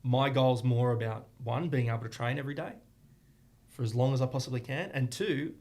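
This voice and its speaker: A man's voice: mid-range voice, fairly quick, darkish tone. A man, a martial arts academy owner and guest on a podcast, speaking earnestly in long flowing explanations. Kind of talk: casual podcast interview.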